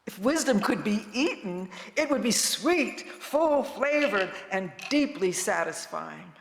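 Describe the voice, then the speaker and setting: Elderly woman in her seventies, gravelly creak, calm and gentle, wise, unhurried, poetic reflection, reverberant hall. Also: mid-range voice. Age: 70s. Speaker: retired minister, guest speaker. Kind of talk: poetic spoken reflection to a congregation. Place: large reverberant indoor room, speaking to a congregation. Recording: echoey hall with long reverb.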